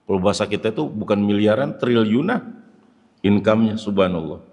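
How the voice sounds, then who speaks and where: A man preaching with a lowish voice that leaps up for stressed words and drops to quiet, prayerful murmurs. His sermon rings with a long echo, as though recorded in a large hall. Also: brisk. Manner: animated, swings between shouted stress and low prayerful murmurs. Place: mosque hall.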